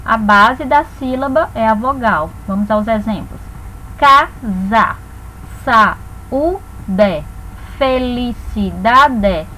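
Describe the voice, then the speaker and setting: A woman, a teacher giving a recorded grammar lesson and spelling out syllables slowly, one by one. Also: sits high, a bit bright, slight background noise, rough recording. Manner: slow, spelled-out dictation of syllables. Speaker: Portuguese teacher.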